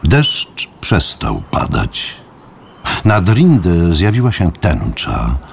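A man narrating a story in a measured storytelling manner. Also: low-pitched, wildly swooping pitch, vocal fry, a little hiss or hum. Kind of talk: scripted narration.

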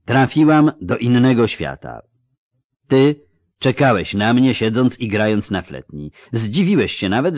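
A man's voice: lowish voice, darkish tone, no room sound, studio quality. A man voicing a proud, angry young woman who protests in heated, indignant outbursts.

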